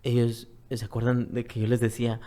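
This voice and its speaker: A Mexican man, a guest on a talk show, recounts his own experience in plain conversational Spanish. His voice sits in an ordinary middle register. He repeats his phrases and often sinks into a hushed, breathy near-whisper. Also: medium pitch, monotone, a little fast. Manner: repetitive, earnest retelling, often drops to a soft near-whisper. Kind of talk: personal testimony, conversational storytelling.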